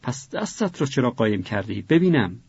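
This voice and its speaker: A man reading a story voices a worried, fussing middle-aged mother in a husky voice. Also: medium pitch, big pitch swings, darkish tone, no echo, lo-fi sound, exaggerated voice. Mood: fretful. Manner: fretful, scolding.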